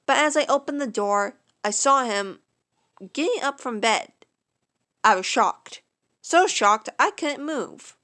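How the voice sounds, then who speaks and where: A woman narrating a first-person fan story in a casual, unpolished way, with fillers and cleared throat. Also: high voice, lively intonation, slow, pushed and bright.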